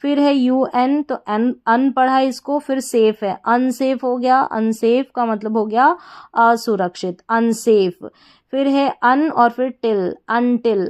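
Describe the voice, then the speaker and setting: A woman's voice: on the high side, darkish tone. A woman teaching English phonics in a patient, repeating way, asking her students questions. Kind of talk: phonics lesson.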